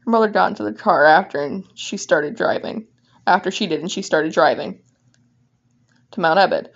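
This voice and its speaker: Reading from fan fiction she wrote herself, this woman speaks at a normal speed in a fairly low voice, pausing informally to add her own remarks. Her lo-fi mic sounds muffled and dull.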